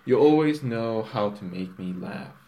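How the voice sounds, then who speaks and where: A man's voice: on the low side, animated, unhurried, lo-fi sound, voice pushed up. A man voicing a lovestruck young female pony princess in a comic storybook reading, gushing and sweet.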